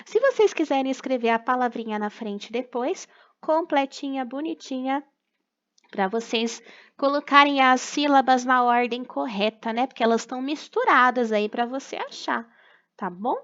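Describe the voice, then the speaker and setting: A bright, fairly high-voiced young woman with a Brazilian Portuguese accent teaches children, drawing each syllable out slowly and patiently. The recording sounds dull and lo-fi. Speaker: primary school teacher. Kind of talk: recorded remote class for children.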